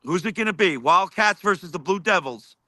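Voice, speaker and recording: A man's voice: high voice, expressive, fairly quick, sharp tone, dry recording. A man hosting a live paranormal session, repeatedly asking spirits questions and reporting faint sounds he hears.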